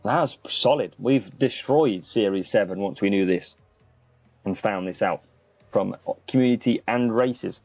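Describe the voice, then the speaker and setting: A man with a lowish, darkish voice speaks at a measured pace, casually commentating on his live gaming stream and greeting viewers by name. He's the streamer and host of the gaming channel. The recording is dry with no echo but muffled and lo-fi, with faint music playing behind him.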